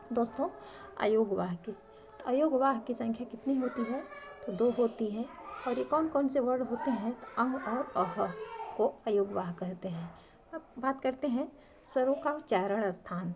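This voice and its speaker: A woman teacher with a somewhat high voice gives an exam-prep grammar lesson. She poses each question and answers it herself, repeating the key terms for emphasis. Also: moderate pace, highs cut off.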